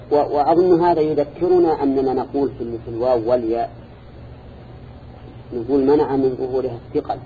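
A man gives a classroom lecture, his voice very dark and mellow. He speaks in a measured way and keeps checking in with his students through short prompting questions. The recording is dull and lo-fi. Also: mid-range voice, slight background noise. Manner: measured, quizzes listeners with repeated "ha?" and "na'am". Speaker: teacher of Quran interpretation.

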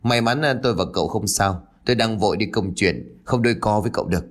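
Anxious, impatient village chief, rapid and clipped, as a male narrator plays him. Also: on the low side, close to an everyday voice. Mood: hurried. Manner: hurried, pressed for time.

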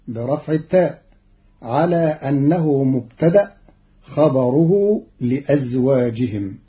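Man explaining quran readings slowly on old radio, slightly high voice, dull sound. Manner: measured, deliberate explanatory delivery. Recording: lo-fi archival radio recording.

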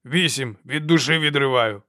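A man reading an audiobook voices a coarse male slave guard who haggles and mocks in a loud, jeering way. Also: medium pitch, moderate pace, no room sound, studio quality, lightly acted. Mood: jeering, haggling.

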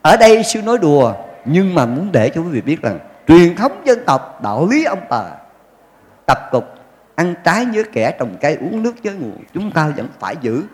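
A male monk preaches in a folksy storytelling way, mixing jokes into the teaching. His voice sits a little high and swings widely in pitch. A long reverb trails each phrase, as in a large hall. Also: big pitch swings, normal speed, a little mellow. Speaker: Buddhist monk. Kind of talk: dharma talk.

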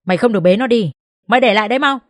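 A woman's voice: a little high, racing, dry recording, pitched above the performer's own voice, lightly acted. A woman voicing a furious, abusive older mother-in-law who shrieks insults. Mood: enraged.

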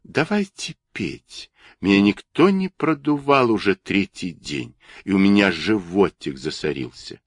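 A man's voice: fairly low pitch, animated, measured pace, no echo, clean studio sound. A man voicing a whiny female toy cat with a plaintive, mewing manner.

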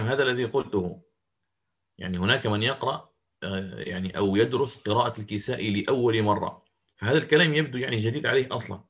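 A man's voice: fairly low pitch, a bit bright. A man teaching Quranic recitation in an interactive online lesson. He explains the rules step by step and quizzes his students as he goes.

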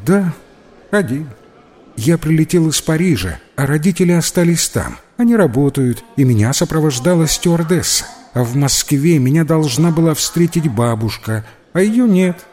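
A man's voice: fairly high pitch, expressive, moderate pace, mellow, big-room sound, voice pushed up. A man voicing a lost, upset little boy who rambles anxiously in a storybook reading.

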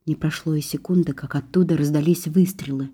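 Female storyteller with a low, mellow voice; reads first-person fiction in a steady, measured way. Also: husky. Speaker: audiobook narrator.

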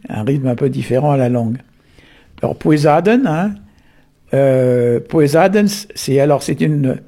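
A man, unhurried and full of tag words, explaining the origins of words. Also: mid-range voice, gravelly, mellow, husky. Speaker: Breton language explainer. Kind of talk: explanatory talk on word origins.

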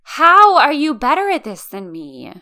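A woman reading aloud voices a bold, easily outraged young woman, yelling her lines at full force in exaggerated outrage. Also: sits high, huge pitch swings, measured pace, soft background music, pitched above the performer's own voice, full character voice. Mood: indignant.

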